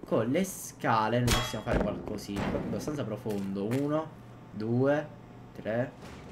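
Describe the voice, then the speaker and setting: A man, giving excitable gameplay commentary and often repeating his exclamations. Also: mid-range voice, moderate pace, over loud music. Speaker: gaming youtuber. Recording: loud background noise.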